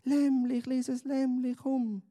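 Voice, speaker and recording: A man doing a high, eager shepherd boy. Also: level tone, takes it slowly, warm tone. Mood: hopeful. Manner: high, pleading and earnest. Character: young shepherd boy, timid and hopeful.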